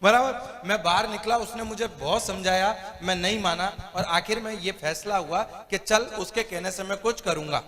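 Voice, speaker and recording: A man with a fairly high voice delivers a motivational seminar from a stage, spinning stories and repeatedly checking that the audience agrees. His voice rings with the long reverb of a big hall. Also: normal speed, few pauses. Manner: lively storyteller who asks the audience for agreement. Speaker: motivational speaker. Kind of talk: stage seminar talk with storytelling.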